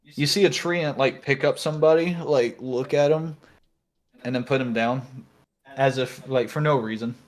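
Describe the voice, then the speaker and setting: A man with a medium-pitched voice runs a fantasy tabletop game. He improvises the scene as he goes, halting and searching for words in a conversational game-master style.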